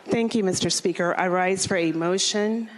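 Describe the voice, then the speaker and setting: Female delegate addressing a chamber formally and procedurally, voice a little on the low side. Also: moderate pace, low-quality recording. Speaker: legislator. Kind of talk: formal floor speech.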